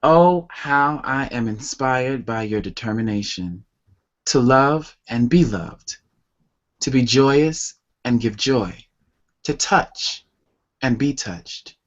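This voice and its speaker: Slow and expressive, a man's mid-range voice comes through dull audio as he, a guest poet, reads his love poems with tender emotional intensity. He then answers interview questions about where the poems came from.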